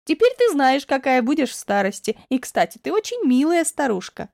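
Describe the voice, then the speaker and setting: Woman voicing a lively teasing young friend, raised pitch, mellow tone, dry sound. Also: normal speed, creaky, full character voice. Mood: affectionate.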